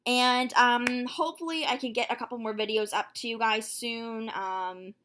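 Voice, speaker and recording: A nineteen-year-old woman talking casually to her viewers in a vlog, chatty and full of fillers, quick to exclaim. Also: a little high, slight background noise. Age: young adult, nineteen. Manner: excitable, quick to gasp and exclaim. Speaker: vlogger.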